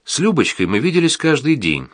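A man narrating a first-person audiobook in a plain, even reading manner. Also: on the high side, brisk, no room sound, clean studio sound.

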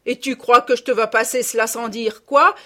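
A woman's voice: mid-range voice, normal speed, close to an everyday voice. A woman voicing a middle-aged peasant gardener woman who scolds and gossips in blunt rustic speech, read as an audiobook character. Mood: indignant.

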